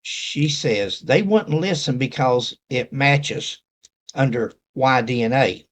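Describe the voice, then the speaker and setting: A man's voice: mid-range voice, takes it slowly, a bit bright. A man with an Appalachian accent hosting a casual, rambling talk to viewers and reading messages aloud. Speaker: host.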